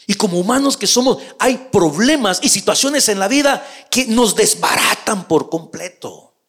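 A man preaching a sermon, speaking to the listener as his brother, shifting between hushed, slow passages and loud, emphatic ones. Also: sits high, lively intonation, breathy edge.

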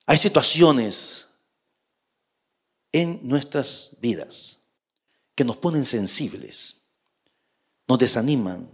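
Preaching a sermon in a slightly rough, mid-range voice, a man addresses the listener as his brother. He swings between slow, hushed stretches and loud, emphatic ones.

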